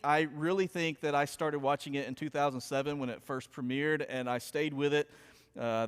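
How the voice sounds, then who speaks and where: A man preaching a sermon, opening with a chatty, animated story told to his congregation. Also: medium pitch, clean tone. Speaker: pastor. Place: church sanctuary. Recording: long hall reverb.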